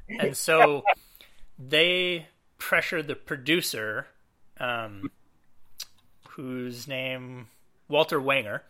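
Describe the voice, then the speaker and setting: A man's voice: medium pitch, drawn-out words, long pauses. A man casually discussing an old movie on a podcast, talking loosely with fillers and acting out quotes. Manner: relaxed, lots of fillers, acts out quotes. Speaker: podcast co-host.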